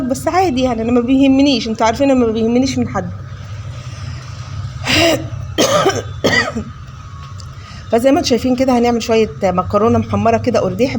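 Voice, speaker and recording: Fast-talking Egyptian woman vlogger. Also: on the high side, darkish tone, slight background noise. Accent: Egyptian Arabic. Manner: scolding, preachy; addresses viewers as "kids". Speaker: cooking vlogger. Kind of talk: casual chat while cooking.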